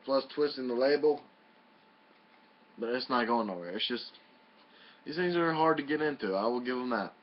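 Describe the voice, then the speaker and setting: Man, mid-pitched voice, casual folksy reviewer, salty language, muffled lo-fi recording. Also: lively intonation, moderate pace, long pauses. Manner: colloquial, mildly profane, folksy. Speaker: product reviewer. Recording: muffled lo-fi home video audio.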